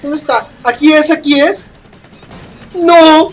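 A man's voice: very high voice, slow, a little hiss or hum. A young man with a Mexican accent giving horror gameplay commentary, shrieking in panic and swearing constantly. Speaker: gaming youtuber.

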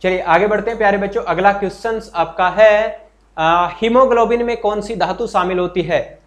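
A man's voice: high-pitched, normal speed, a bit bright. A man teaching a live online exam-prep class, chatty and encouraging, who repeats each point, quizzes his students and answers their comments. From Haryana, India. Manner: greets viewers and reads their comments aloud.

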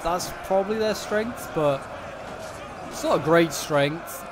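Taking his time, a man with a slightly high, expressive voice gives relaxed commentary on a strategy game battle, thinking aloud as he watches as a gaming commentator. The game's battle ambience is noticeable in the background.

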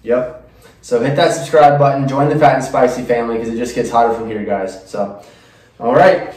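A man's voice: medium pitch, fairly even intonation, moderate pace, darkish tone. A young man casually presenting to camera as the host of a food challenge show. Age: young adult. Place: small indoor room, seated at table. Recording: echoey room, distant microphone.

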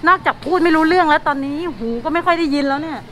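A young woman with a high voice speaks through a face mask, her words a little muffled. She chats to her viewers in a casual, playful way. Loud store noise runs behind her. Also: steady tone, very fast. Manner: chatty and playful, talks to viewers. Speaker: vlogger. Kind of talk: casual vlog narration. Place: supermarket, indoors. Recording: noisy store background.

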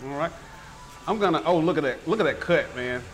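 A man's voice: on the high side, lively intonation, a little fast, rough recording. Bubbly man hosting a food segment. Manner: effusive, enthusiastic, chatty. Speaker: TV food show host. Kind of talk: casual on-camera food tasting. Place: restaurant dining table.

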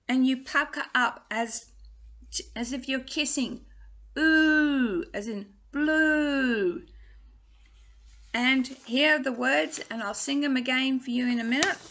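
A woman with a high, fairly bright voice gives a home video singing lesson, carefully enunciating vowel words into a laptop webcam from a small room. She's in her sixties, was born in England and raised in Australia, and her Australian accent keeps a trace of English.

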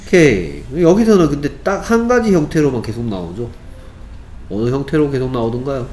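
A man's voice: medium pitch, big pitch swings, fairly quick, a little mellow. A man tutoring English one-on-one in Korean, patiently asking quiz questions. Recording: faint background noise.

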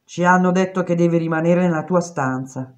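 A woman reading aloud voices a curt, evasive woman prison guard who answers flatly, on a dull lo-fi recording. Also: fairly low pitch, fairly quick, close to an everyday voice.

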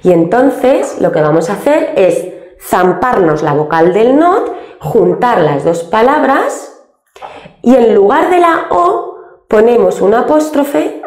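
A woman's voice: medium pitch, dark tone, echoey room. Patient woman teaching from Spain. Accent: Spain Spanish. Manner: slow, patient, spells out English examples. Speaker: English teacher. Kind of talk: step-by-step grammar lesson.

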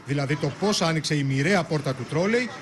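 High-voiced male news reporter. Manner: measured, formal delivery. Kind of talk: scripted news narration.

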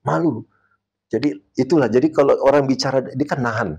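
A man's voice: mid-range voice, fairly even intonation, fast talker, a little mellow, slightly rough, lo-fi sound. A man, a martial arts coach, talking on a podcast and telling a story, acting out the people he quotes and dropping English words into his speech. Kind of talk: casual podcast talk.

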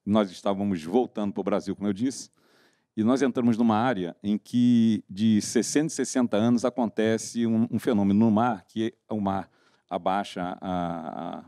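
A man, a former merchant navy officer, calmly recounting his story as a talk show guest. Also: lowish voice, normal speed, no room sound, clean studio sound. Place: TV studio.

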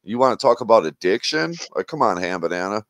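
A man's voice: lowish voice, expressive, fast, no room sound. A man hosting a casual livestream chat, talking in a blunt, profane and mocking way. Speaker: livestream host.

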